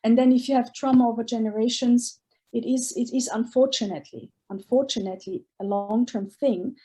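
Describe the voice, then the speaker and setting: A woman from Austria speaks as a podcast guest in an earnest, searching way, circling back and restarting as she works out her ideas. Her voice sits a little high but sounds soft and mellow. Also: steady tone, a little fast. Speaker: guest artist. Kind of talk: casual interview talk.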